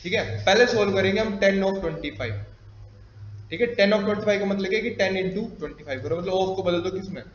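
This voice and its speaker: High-voiced man teaching a class. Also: fast, slight background noise. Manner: teasing, quizzes students often. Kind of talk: classroom lecture. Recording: echoey classroom, dull lo-fi audio.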